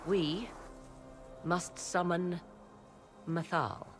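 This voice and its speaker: Over soft background music, a woman with a fairly low, steady voice acts a video game cutscene as a proud, learned witch. Her phrasing is formal, archaic, and mysterious, delivered in a measured, theatrical, urging way.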